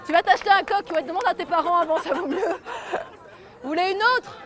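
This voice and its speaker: High-voiced woman telling a tale outdoors. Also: quick pace, crowd noise, noisy background. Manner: lively, gets the audience to join in. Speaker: storyteller. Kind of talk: telling a folk tale to children.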